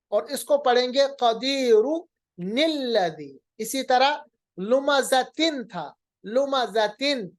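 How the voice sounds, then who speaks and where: Man, recitation teacher, unhurried lecture delivery, patient and repetitive, spells out examples. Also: very high-pitched, a little mellow. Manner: patient, repeats each rule and slowly sounds out examples. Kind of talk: recorded lecture lesson.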